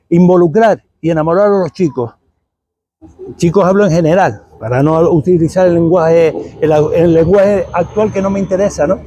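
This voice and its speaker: A man's voice: high voice, dark tone, no echo. A man in his sixties with a Canarian Spanish accent, giving a rambling, conversational talk at a tribute event. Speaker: invited speaker at a tribute event. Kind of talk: public talk.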